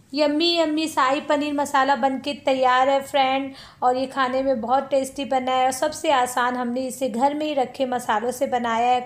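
In her home kitchen, a high-voiced woman runs a cooking channel, walking through a recipe step by step and addressing her viewers as friends.

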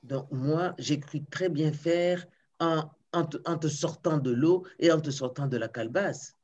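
A woman's voice: sits low, measured pace, darkish tone, lo-fi sound. A woman storyteller voicing a humble male fisherman who hesitates and stammers apologetically. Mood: timid.

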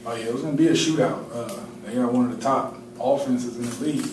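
Self-critical athlete in a roomy press room. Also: male voice, mid-range voice, fast. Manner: candid, self-critical, many fillers. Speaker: quarterback at a postgame press conference. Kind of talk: postgame press conference answers. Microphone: table mic, heard from a distance. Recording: roomy, distant, noisy press room audio.

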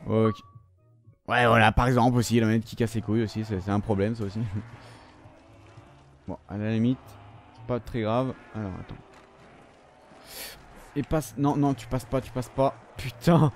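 A man talks over his own gameplay in a loose, unscripted commentary. He swears freely and rants at the game in frustrated bursts, then reins himself in and talks himself calm again. It sounds like an ordinary man reacting live as he plays. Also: mid-range voice, moderate pace, long pauses, faint music behind. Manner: profane, frustrated ranting that swings between outbursts and calming himself. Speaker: gamer recording his gameplay.

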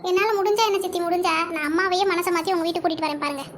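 A woman's voice: very high-pitched, steady tone, rapid-fire, a little hiss or hum. A woman voicing an earnest young college girl in a cartoon, pleading.

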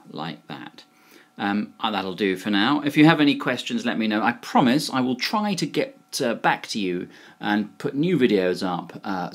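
A man with a British accent giving a casual pronunciation lesson, hesitant and full of fillers, slowly modelling a word. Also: lowish voice. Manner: hesitant, many fillers, slow deliberate modelling of words. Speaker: pronunciation teacher.

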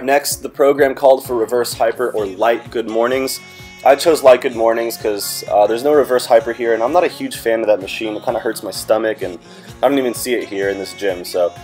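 A young man in his twenties, a fitness vlogger talking casually over his workout footage and addressing viewers as guys. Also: on the low side. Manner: relaxed, chatty, talks to viewers as "guys". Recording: music playing underneath.

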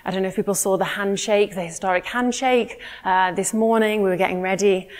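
A woman, giving a conference keynote in an earnest, steady lecturing manner with frequent ums. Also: medium pitch, brisk. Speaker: keynote speaker. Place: conference room, indoors.

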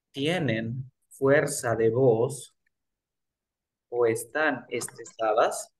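A young man teaching English pronunciation in a one-on-one lesson, patiently drilling words slowly and repeating them. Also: mid-range voice.

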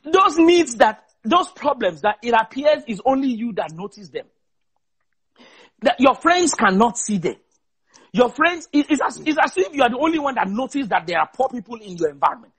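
Man, guest preacher, very high voice, fervent, stutter-repeats for emphasis. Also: big pitch swings, a bit bright, slightly rough. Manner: fervent, repeats words in quick bursts; rhetorical questions in a rising voice.

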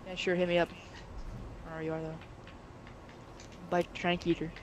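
A young man chatting casually while playing a video game with a friend, excitable and prone to yelping and repeating himself. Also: high voice, moderate pace. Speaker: game player. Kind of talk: casual gaming chat. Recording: noisy background.

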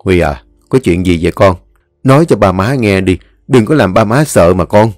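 A man playing a low, steady older father. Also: moderate pace, no echo, clean studio sound. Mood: concerned.

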